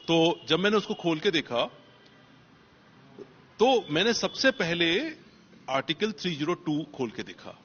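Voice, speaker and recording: A man's voice: a little high, fairly bright tone, dull audio, a little hiss or hum. Emphatic man giving motivational advice. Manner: emphatic, repeats key phrases for stress. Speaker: police officer. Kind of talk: motivational interview answers.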